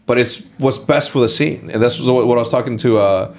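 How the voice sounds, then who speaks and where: A man's voice: mid-range voice, a little fast, creaky. A man in his late thirties hosting a casual sit-down chat, rambling and opinionated with lots of filler words. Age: late 30s. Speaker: podcast host.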